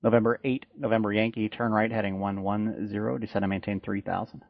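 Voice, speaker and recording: Lowish guy doing air traffic control, procedural radio talk, muffled lofi sound. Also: flat delivery, a little fast, gravelly, no echo. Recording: dull lo-fi radio audio.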